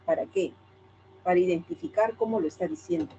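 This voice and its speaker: A woman's voice: fairly low pitch, a little fast, warm tone, dull audio, slight background noise. A woman teacher with a Peruvian Spanish accent, lecturing a class and asking herself questions that she answers straight away. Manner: asks and answers her own questions.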